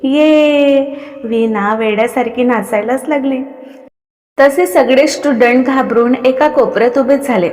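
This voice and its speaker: A woman narrating a story with an expressive reading. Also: a little high, normal speed. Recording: long reverb.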